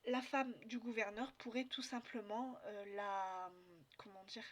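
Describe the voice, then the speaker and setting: A French woman vlogging about her reading, talking casually with many pauses, fillers and restarts. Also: a little high. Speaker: book vlogger. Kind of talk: casual book review chat.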